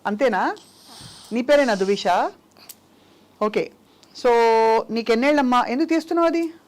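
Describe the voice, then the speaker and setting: A woman's voice: fairly high pitch, lively intonation, moderate pace. A young woman hosting an interview, coaxing and teasing a small child with short questions in a Telugu accent. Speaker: interview host.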